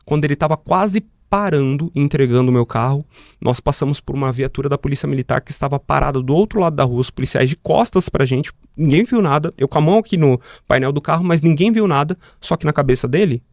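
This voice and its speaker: Brazilian man, podcast guest, vivid storyteller, quick delivery, dry close sound. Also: on the high side, lively intonation, darkish tone, no room sound. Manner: vivid, talks to the host as "cara", acts out the dialogue. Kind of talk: dramatic personal storytelling. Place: podcast studio.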